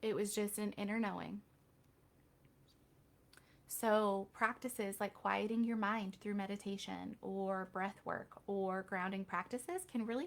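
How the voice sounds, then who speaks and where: A woman hosting a casual live Q&A stream, talking candidly with chatty, self-deprecating asides. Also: mid-range voice. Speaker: reiki healer hosting a live Q&A.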